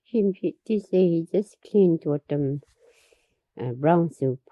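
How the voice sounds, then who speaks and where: Slow-spoken, husky older-sounding woman storyteller. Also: sits low, expressive, no room sound, highs cut off. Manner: unhurried, repeats herself, laughs between stories. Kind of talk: oral history storytelling.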